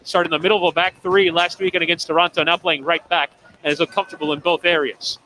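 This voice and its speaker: Man, play-by-play commentator, high voice, bright, light noise behind. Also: level tone, rough recording. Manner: rapid descriptive calls, laughs easily. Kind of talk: live match commentary.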